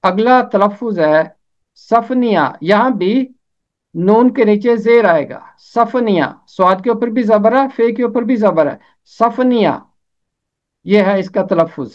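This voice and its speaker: A man teaching a pronunciation lesson, slowly spelling out vowel marks and repeating each name. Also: high voice. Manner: slow, careful spelling out of diacritics and repeated names. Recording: dull lo-fi recording.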